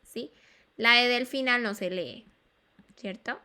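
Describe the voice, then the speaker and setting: A woman's voice: fairly high pitch, takes it slowly, sharp tone. A woman teaching an English class in Spanish, patiently repeating sounds and checking that students follow. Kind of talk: online class explanation.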